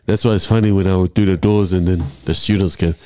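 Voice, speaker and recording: A man's voice: sits low, steady tone, fast, warm tone, a little hiss or hum. A man in his thirties in a casual chat over drinks, telling loose, jokey stories peppered with bro and man. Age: 30s.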